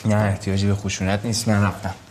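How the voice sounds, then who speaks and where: A man's voice: fairly low pitch, little pitch movement, background noise, close to an everyday voice. An actor playing an easygoing man who keeps teasing in a playful way.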